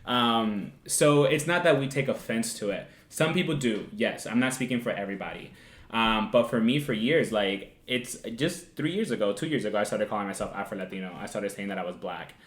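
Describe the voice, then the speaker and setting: A man's voice: on the low side, a little fast. Young Dominican man, casual podcast co-host, filler-heavy, echoey room. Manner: relaxed, thinks aloud with many fillers and laughs. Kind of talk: casual chat.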